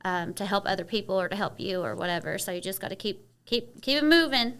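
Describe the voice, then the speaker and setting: A woman from Kentucky with a Southern twang chats openly as a guest on a podcast, filling her speech with "you know" throughout the casual interview. She talks fast and expressively at a medium pitch, with a smooth, slightly bright voice.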